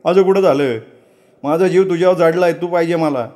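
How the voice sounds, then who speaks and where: A man's voice: a little high, brisk, darkish tone, pitched above the performer's own voice, natural voice. A male storyteller voicing a hot-tempered young male servant who talks in coarse, bullying village speech. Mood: pestering.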